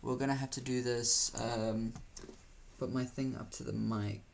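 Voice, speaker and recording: A man's voice: mid-range voice, steady tone, unhurried, gravelly, slight background noise. A man from Africa, hosting a casual video and talking through what is on his screen in a rambling, joking way. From South Africa. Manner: rambling, joking, teasing slang. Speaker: YouTuber host. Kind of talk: casual commentary over screen play.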